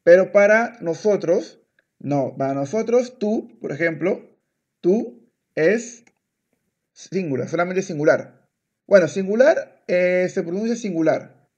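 A man tutoring a student through a one-on-one Spanish lesson, speaking very slowly. He is patient, repeats each word, and often slips into English to explain. His fairly high voice comes through a dull, lo-fi recording. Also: expressive, darkish tone. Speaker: Spanish teacher.

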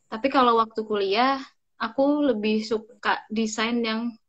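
A young woman talking as a guest in a casual interview, chatty and animated, pausing with fillers as she thinks. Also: fairly high pitch. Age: young adult. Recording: dull lo-fi recording.

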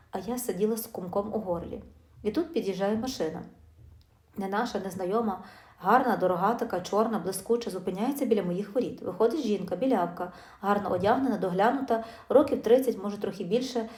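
A middle-aged woman tells her own life story in a brisk, confiding, emotional way. Her voice is mellow and quick. The recording carries a roomy echo. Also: mid-range voice. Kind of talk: first-person life story narration.

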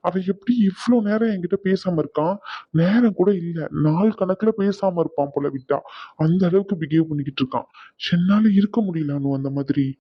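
A man's voice: sits high, a little fast, husky, dry recording. A man voicing a troubled, guilt-ridden young husband in a cartoon, anxious and self-blaming. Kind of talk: cartoon voice acting. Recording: dull lo-fi recording.

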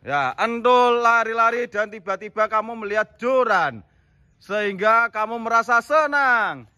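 A man's voice: extremely high pitch, expressive, a little slow, bright, forceful tone. A man, narrating a comedy skit and directing his team, often laughing as he talks. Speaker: director of an acting challenge.

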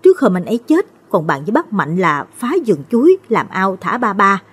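Storybook figure: a tearful young widow, higher and pleading, husky, read by a woman narrator. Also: big pitch swings, a little fast.

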